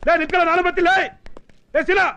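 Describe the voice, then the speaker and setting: An actor playing a loud, indignant local tough man who talks in fast, excited bursts. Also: very high voice, lo-fi sound. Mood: agitated. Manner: excitable, rapid, exclamatory. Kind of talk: film dialogue.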